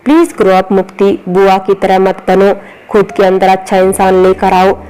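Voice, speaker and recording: A woman's voice: mid-range voice, steady tone, normal speed, mellow, clean tone, lightly acted, rough recording. A woman doing a young brother-in-law. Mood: scolding.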